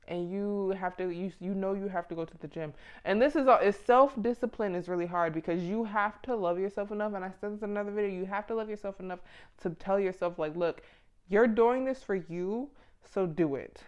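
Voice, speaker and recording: A mid-twenties woman vlogger gives self-improvement advice to the camera, talking casually and motivationally in a blunt, informal, slangy way. Her voice is medium in pitch, and the sound is lo-fi.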